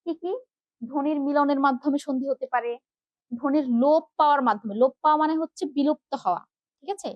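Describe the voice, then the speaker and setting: A young woman with a high voice and a Bangladeshi Bengali accent teaches an online grammar lesson, explaining step by step and often checking that her students follow. The recording is dry and close, with a slightly dull, muffled sound. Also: no echo. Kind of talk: online class lecture.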